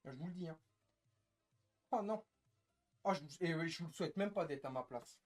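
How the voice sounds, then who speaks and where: A young man ranting on a live stream, bitter and frustrated, cursing often, repeating himself and swinging between loud outbursts and low muttering. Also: expressive, moderate pace. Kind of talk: casual live-stream rant.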